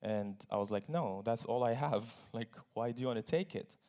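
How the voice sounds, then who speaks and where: A Syrian man, a guest at a forum, tells his personal story earnestly from the stage, repeating phrases and letting out small laughs. His voice is warm and mid-pitched, at a normal speed.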